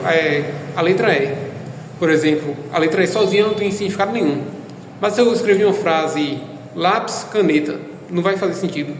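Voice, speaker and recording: A man's voice: high-pitched, reverberant, big-room sound, slight background noise, rough recording. A man giving a casual video lesson on Japanese, explaining step by step with hesitant fillers. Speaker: Japanese language teacher.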